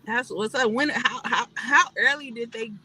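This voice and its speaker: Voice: mid-range voice, moderate pace, background noise. Caller on a phone line with uneven volume. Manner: laid-back, chatty, many fillers. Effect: uneven volume from a mic cutting in and out. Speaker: call-in guest. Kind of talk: casual chat. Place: in a moving car. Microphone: phone on a live call. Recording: car phone call with volume dropping in and out.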